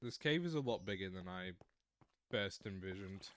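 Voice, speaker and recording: In a low, animated voice with a slightly bright edge, an Australian man in his mid-twenties chats through a gaming livestream at a moderate pace. He rambles, giving long explanations and restarting often.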